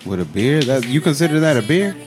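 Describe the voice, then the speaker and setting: A man's voice: medium pitch, very animated, fast talker, music in the background. A man casually bantering as a podcast co-host, talking in heavy slang and constantly saying bro.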